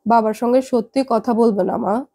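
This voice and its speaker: A woman's voice: on the high side, steady tone, moderate pace. Woman reading a patient young daughter. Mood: patient, reasoning. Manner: patient, gently reasoning. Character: calm, reasonable young adult daughter.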